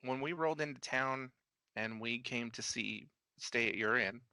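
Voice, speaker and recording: A man taking his turn in a tabletop game, speaking haltingly and stumbling over his words. His voice is bright and forward. The recording is dry and close. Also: mid-range voice, smooth, no room sound. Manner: hesitant, halting, full of restarts. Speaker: player. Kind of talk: tabletop role-play.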